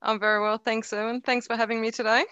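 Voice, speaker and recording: A middle-aged woman from Croatia, speaking Croatian with a faint accent, is a guest in a relaxed interview where she laughs often and restarts her sentences. Her voice is high-ish, bright, smooth, and forceful, with little pitch movement and a fast pace. The recording is dry.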